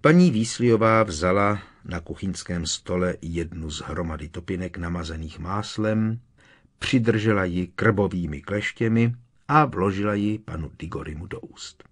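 A man reading an audiobook in a calm, steady narration. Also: low voice, husky. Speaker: audiobook reader. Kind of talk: scripted narration.

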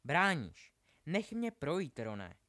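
A man's voice: medium pitch, lively intonation, fairly bright tone, natural voice. A man doing a scolding, insistent witch. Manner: pleading then scolding, insistent. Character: worried, scolding adult witch, woman.

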